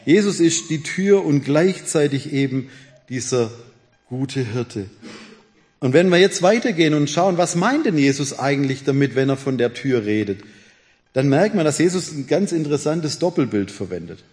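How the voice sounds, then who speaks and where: German man preaching a calm Bible talk. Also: a little high, moderate pace. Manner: reads scripture aloud, explains calmly, addresses listeners directly. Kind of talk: Bible teaching sermon.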